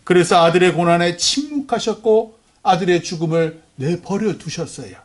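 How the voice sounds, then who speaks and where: High-pitched pastor guy, telling the story in his sermon, voice jumps up and down. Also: expressive, moderate pace. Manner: storytelling, with sudden swings in pitch and loudness.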